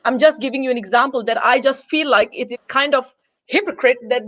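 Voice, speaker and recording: A woman's voice: high-pitched, a little fast, a bit bright, no room sound, muffled recording. A woman from Denmark, a guest in an interview, speaking earnestly and repeating words to press her points in conversation.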